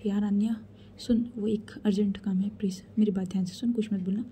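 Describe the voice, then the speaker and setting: A woman's voice: mid-range voice, steady tone, brisk, dark tone, a little hiss or hum, natural voice. A woman voicing a panicked young woman calling a friend, flustered and stammering, in whispered role-play.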